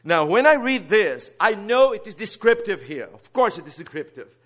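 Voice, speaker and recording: A guest preacher and seminary instructor from Brazil gives a heartfelt sermon in Brazilian Portuguese-accented speech, alternating quiet asides with forceful climbs. His high-pitched voice is very animated, and he keeps a moderate pace.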